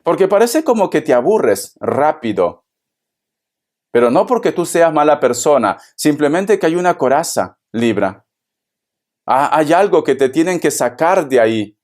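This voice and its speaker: A man's voice: on the high side, sing-song, measured pace, a little mellow. A man giving a casual tarot reading, speaking affectionately and calling the listener by endearments. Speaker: tarot reader.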